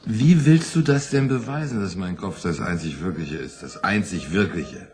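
A man's voice: sits low, animated, moderate pace, darkish tone, soft background music. An actor playing a troubled man who hears a voice, talking in a rambling, boastful then defensive way in a radio play. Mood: challenging.

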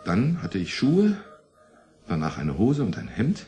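A man's voice: on the low side, huge pitch swings, measured pace, mellow. An actor playing a troubled man who hears a voice, talking in a rambling, boastful then defensive way in a radio play.

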